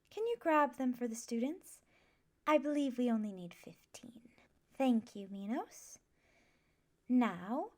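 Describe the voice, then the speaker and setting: Fully in character, a woman voices a kind, learned magic professor for an ASMR lesson, talking very slowly with a fairly high pitch. Her tone is soft and reassuring as she carefully and patiently teaches her new class.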